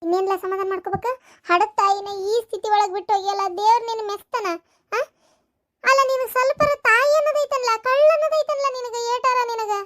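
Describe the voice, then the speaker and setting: Casting: a woman playing a scolding village mother with a North Karnataka accent, very high voice, sarcastic and cutting. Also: fairly even intonation. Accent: North Karnataka Kannada. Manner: scolding, sarcastic, rapid taunts. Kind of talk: village family skit.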